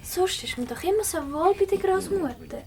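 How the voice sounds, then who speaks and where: A woman's voice: very high voice, lively intonation, moderate pace, darkish tone, slight background noise. A woman playing a sweet, innocent little girl in a children's radio play. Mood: uneasy, puzzled.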